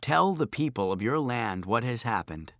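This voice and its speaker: Man reading a calm dry-humored young man, unhurried, bright tone, storybook. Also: medium pitch, no room sound. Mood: solemn.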